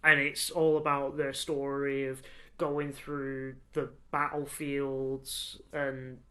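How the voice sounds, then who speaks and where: Slow-talking young man chatting casually. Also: medium pitch, monotone, bright, forceful tone. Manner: enthusiastic, rambling with many fillers. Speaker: podcast co-host. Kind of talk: casual chat.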